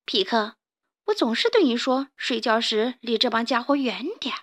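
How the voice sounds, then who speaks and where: A woman's voice: on the high side, expressive, moderate pace. A woman voicing a sensible hedgehog who lectures in a children's storybook. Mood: scolding.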